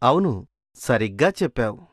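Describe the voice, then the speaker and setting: A man's voice: medium pitch, sing-song, moderate pace, no room sound, studio quality. A man voicing an eager young cowherd friend in a cartoon. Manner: eager, exclaiming.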